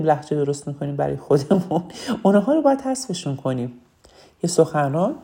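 Low-voiced earnest woman speaking coach. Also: warm tone. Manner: earnest, repeats key phrases for emphasis. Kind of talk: instructional talk on public speaking.

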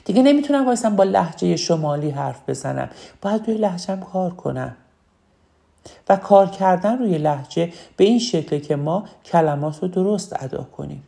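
With a lowish, mellow voice that turns creaky at times, a woman coach lectures earnestly and animatedly on public speaking. She keeps repeating key phrases to drive them home.

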